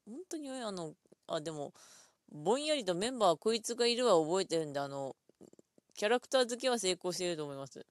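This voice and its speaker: A woman talking alone in a casual, rambling way, full of fillers, thinking aloud at her computer and drifting into quiet mumbles. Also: on the low side, very animated, brisk, dry recording. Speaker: solo podcast host.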